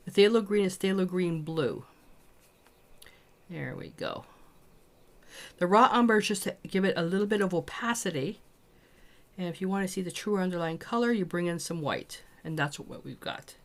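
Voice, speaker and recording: A woman walking viewers through a small mixed-media art project, chatting as she works. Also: mid-range voice. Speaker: art teacher. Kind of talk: casual craft tutorial.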